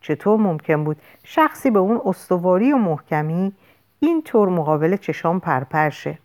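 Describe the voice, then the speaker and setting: A woman reading a first-person audiobook with an expressive, dramatic delivery. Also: fairly low pitch. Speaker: audiobook narrator.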